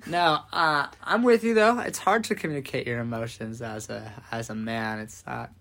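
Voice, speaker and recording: A man's voice: mid-range voice, steady tone, normal speed, creaky, fairly bright tone. A young man, a podcast guest, giving easygoing and thoughtful answers in casual chat. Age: young adult.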